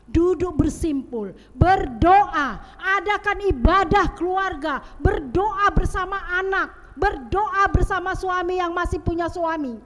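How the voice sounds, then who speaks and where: A woman's voice: extremely high pitch, slow, few pauses, a bit bright, a little hiss or hum. A woman church elder preaching a sermon and leading prayer, emphatic and rising sharply on her key points. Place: church sanctuary. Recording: long church reverb.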